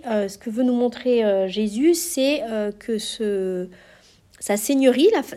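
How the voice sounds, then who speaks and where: A woman's voice: a little high, darkish tone. Hesitant woman teaching a Bible class. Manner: hesitant, many fillers and restarts.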